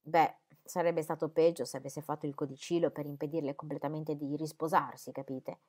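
A woman reading the lines of a placid, stubborn older gentleman who rambles mildly. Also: low voice, flat delivery, a little fast, pitched below the performer's own voice. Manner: rambling, mild, keeps asking "capite?". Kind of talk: audiobook character reading.

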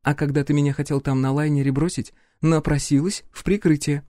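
A man's voice: a little high, steady tone, fairly quick, dark tone, no room sound, studio quality, pitched above the performer's own voice, lightly acted. Man voicing a cool, wry young woman. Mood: wry, calm. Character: young woman, ex-sport shooter, cool, teasing.

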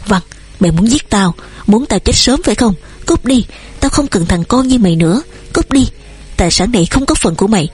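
A woman voicing an old father who shouts and trembles with rage, with a husky voice. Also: medium pitch, brisk, natural voice. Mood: furious. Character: old father, furious and failing.

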